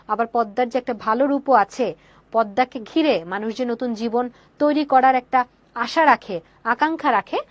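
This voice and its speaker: Young female teacher, high-pitched, dry close mic; rhetorical questions, English words sprinkled in. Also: darkish tone, no echo. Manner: asks questions and answers them herself; mixes English words into her explanation. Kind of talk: online class explaining a poem.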